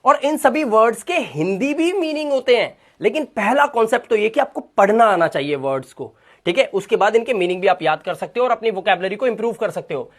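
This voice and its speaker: Teacher slowly sounding out words. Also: medium pitch, big pitch swings. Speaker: English teacher. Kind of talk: phonics lesson.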